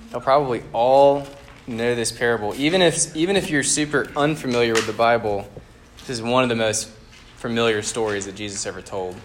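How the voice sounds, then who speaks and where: A man giving a relaxed, conversational sermon to a campus group. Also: mid-range voice, slight background noise. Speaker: campus ministry speaker. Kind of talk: casual sermon.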